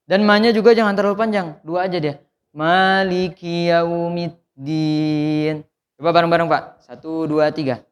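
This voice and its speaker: A man teaching Quran recitation in a mosque, correcting students with jokes and demonstrating each verse slowly. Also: on the high side, fairly even intonation, smooth. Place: mosque hall. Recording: long hall reverb.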